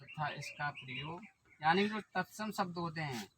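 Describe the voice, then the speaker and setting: A man with a high voice teaches an exam-prep lesson, going step by step and often quizzing his viewers. Steady noise sits under his voice throughout the recording. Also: normal speed.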